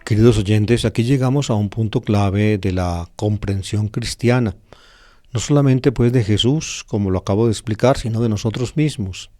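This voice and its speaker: A man, a priest, giving a teaching-style Sunday gospel reflection, explaining slowly with many pauses and restarts. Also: on the low side, mellow, soft background music.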